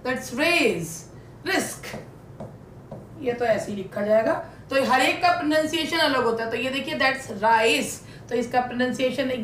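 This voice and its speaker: A woman teacher giving an exam-prep lesson, drawing out English words slowly. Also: fairly bright tone. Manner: says English words slowly and stretches them out. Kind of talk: online lesson in Hindi and English. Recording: echoey room, faint rumble.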